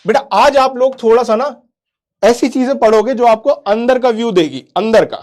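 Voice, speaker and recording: An extremely high-pitched man with a darkish tone runs a live online class for kids at a normal speed. He quizzes the chat, often calls them "beta," repeats "theek hai," and mixes in English while explaining.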